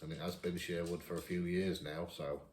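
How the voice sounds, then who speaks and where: A man in his fifties with a northern English accent, chatting casually as he answers viewer questions, each read out brighter. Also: low-pitched, level tone, normal speed, echoey room, a little hiss or hum. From England. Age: 50s. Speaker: vlogger. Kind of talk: casual Q&A chat.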